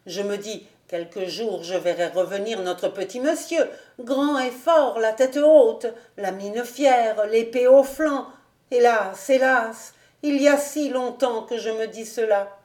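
A woman's voice: fairly high pitch, slow, darkish tone. A woman reading as a sorrowful old noblewoman. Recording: roomy echo.

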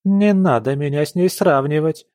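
A man voicing a spoiled, haughty young noble daughter who speaks in a shrill, indignant, sharp-tongued way. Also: normal speed, dry recording, clean studio sound, natural voice.

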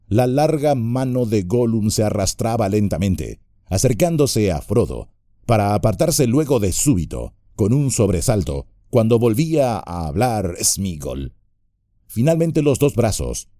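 A man with a low, very dark and mellow voice reads a fantasy audiobook. His narration is measured and expressive, and his delivery rises and falls with lively pitch. The sound is close and dry. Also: dry recording.

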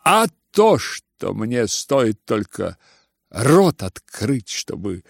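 A man's voice: mid-range voice, big pitch swings, very slow, creaky, no echo, clean studio sound, full character voice. A man reading an audiobook and voicing a furious young son who lashes back with bitter sneers.

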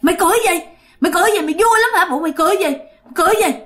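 A woman voicing a furious, bullying male ghost who barks repeated questions in a shrill, scolding voice. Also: animated, brisk, a bit bright. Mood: angry.

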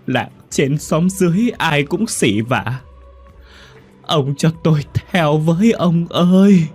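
A grieving old woman over 60, her voice high, quavering and tearful as she cries out, put on by a male storyteller. She sounds frail and heartbroken. Faint music sits behind her. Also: animated, slow, darkish tone. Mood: wailing. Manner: wailing, sobbing, quavering.

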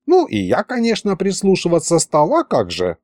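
A man voicing a chatty, excitable old male wizard with folksy rustic speech. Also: sits high, moderate pace, dry recording, pitched above the performer's own voice.

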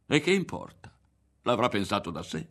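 A man's voice: lowish voice, big pitch swings, moderate pace, fairly bright tone. A man reading an audiobook, voicing a defensive, proud teenage boy who protests indignantly.

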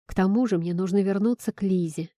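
A woman's voice: medium pitch, fast talker, warm tone, no echo, clean studio sound, close to an everyday voice. A woman reading the part of a defiant, hot-tempered young woman who answers sharply and with indignation.

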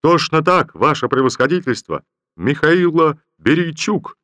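A man reading an audiobook voices a simple young peasant soldier shouting out eager, dutiful answers to his general. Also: a little high, animated, measured pace, no echo, voice pushed up.

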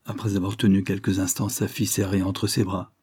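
Male audiobook narrator, husky, low, dark voice, measured delivery, dry close sound. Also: level tone, dry recording. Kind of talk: scripted narration.

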